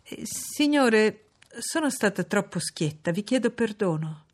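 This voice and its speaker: A woman's voice: mid-range voice, expressive. A woman voicing a frank young governess. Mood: frank, apologetic. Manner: frank, measured, polite. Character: young governess, blunt yet reserved.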